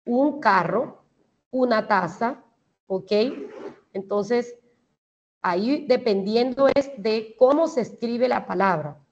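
A woman with a Colombian Spanish accent teaches English grammar in an online class, explaining step by step and checking that students understand. Her voice is on the high side and she takes it slowly, though the audio sounds dull.

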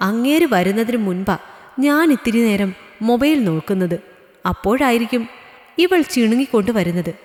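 Lady doing a tired working mom, whiny and defensive, bit high, echoey room. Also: lively intonation, moderate pace, a little mellow, close to an everyday voice. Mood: complaining. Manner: complaining, pleading. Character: overworked, defensive working-class mother.

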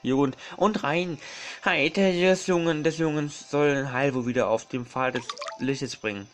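A man voicing a solemn, dying ancient male tree spirit from a video game, reading slowly in a raised, loud voice. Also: a little high, natural voice. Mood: urgent.

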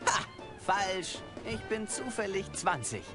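Small boy pirate, high, very animated, cheeky, bratty, cartoon game. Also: takes it slowly, over music, heavily acted. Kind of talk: cartoon adventure game acting.

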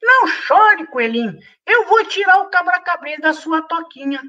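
A man voicing a tiny, brave male mosquito in a children's story, with a squeaky voice and a Brazilian accent. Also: very animated, moderate pace, pushed and bright, full character voice. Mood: confident. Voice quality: squeaky, buzzing. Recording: muffled live-stream audio, distant mic.

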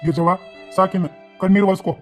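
A kind, protective village landlord, voiced by a man in a cartoon, who reassures earnestly in a North Karnataka Kannada accent. He talks at a quick pace, and faint music plays under him. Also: sits high, fairly even intonation, lightly acted. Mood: reassuring.

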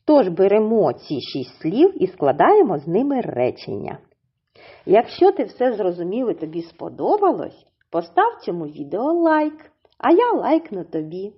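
A woman teaching a primary school reading lesson, speaking slowly and sounding out words syllable by syllable. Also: mid-range voice, huge pitch swings, slightly rough, lo-fi sound. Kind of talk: slow, clearly articulated reading lesson.

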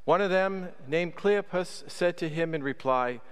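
A priest reading the Gospel at Mass in a measured, solemn way, with cathedral echo around his voice. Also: a little high, clear, resonant tone. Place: large church. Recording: long cathedral reverb.

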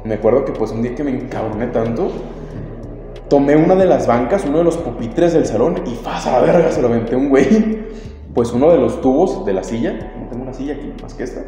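A podcast host with a Mexican accent spins a laid-back, slang-heavy story, cursing without hesitation. He speaks briskly with lively intonation in a mellow, medium-pitched voice, while faint music plays in a heavily echoing room with long reverb.

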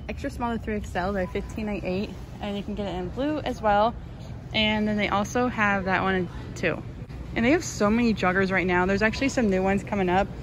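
Woman doing a shop-with-me vid, chatty and excited over new stuff, phone audio with store noise. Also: mid-range voice. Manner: chatty, lists prices, excited "oh" at new finds. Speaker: shopping vlogger. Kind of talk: casual shop-with-me narration. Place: large retail store, indoors.

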